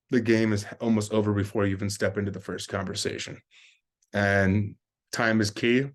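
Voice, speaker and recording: A sales professional gives an informal spoken review, earnest and rambling and packed with business jargon. His voice is fairly low in pitch.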